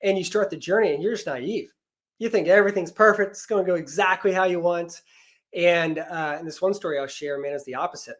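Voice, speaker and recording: A man's voice: high voice, brisk, fairly bright tone. A man in his thirties, a podcast guest, earnestly telling an emotional personal story about loss and faith.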